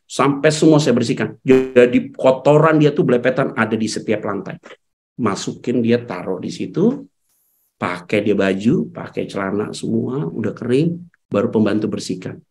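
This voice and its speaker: A man preaching a storytelling sermon as a pastor at a church service. He talks emotionally, swings from loud outbursts to hushed tones, drops into casual slang and keeps addressing the congregation directly. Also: mid-range voice.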